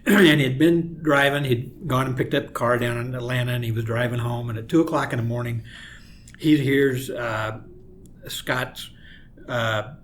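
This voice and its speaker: A man, a guest in an interview, telling a long story in a relaxed way and clearing his throat often. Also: mid-range voice, moderate pace, a little hiss or hum. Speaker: guest, outdoor mentoring program leader.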